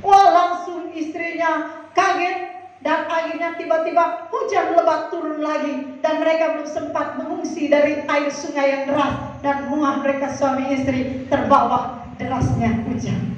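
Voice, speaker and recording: A woman pastor preaches with a very high, sing-song cadence, telling a story and acting out its characters for the congregation. Her voice rings through a large, echoing church hall. It is picked up from a distance and sounds dull. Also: normal speed. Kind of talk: sermon.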